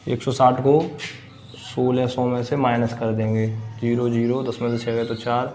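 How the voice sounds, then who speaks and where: A man's voice: mid-range voice, flat delivery, moderate pace, dark tone, a little hiss or hum. A man teaching a blackboard maths lesson, asking the class questions and then answering them himself. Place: classroom with a board.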